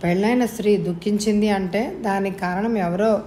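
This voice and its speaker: A woman voicing a grateful, lonely young man who speaks in a rushed, heartfelt way in a storybook reading. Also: medium pitch, fairly even intonation, mellow, slight background noise, lightly acted. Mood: earnest.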